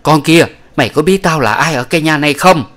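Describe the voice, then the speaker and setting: A man reading an audiobook, voicing a fierce old woman who scolds harshly and shouts. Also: a little high, a little fast, pitched above the performer's own voice, natural voice. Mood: furious scolding. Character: fierce old woman, the family's stern aunt. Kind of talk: audiobook character voice.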